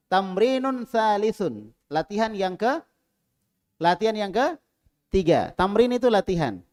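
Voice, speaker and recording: In a cramped prayer room, a man runs an Arabic lesson by picking out students and drilling them, his loud cues broken up by quiet side remarks. His voice is a little high.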